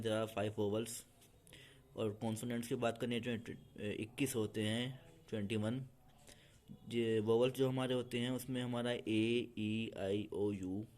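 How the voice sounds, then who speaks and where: A man's voice: lowish voice, darkish tone. A man teaching an English grammar lesson, patiently repeating each point two ways.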